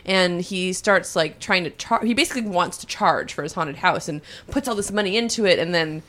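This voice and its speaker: A woman on a casual podcast recounting a documentary, talking excitedly and haltingly with many fillers. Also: lowish voice. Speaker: podcast guest.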